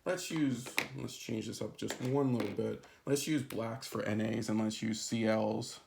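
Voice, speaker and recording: A man's voice: on the low side, steady tone, measured pace, creaky, a little mellow, slight background noise. A man recording an introductory chemistry lesson, explaining step by step and often checking in with "right?" and "okay?". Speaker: chemistry instructor. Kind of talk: recorded lecture.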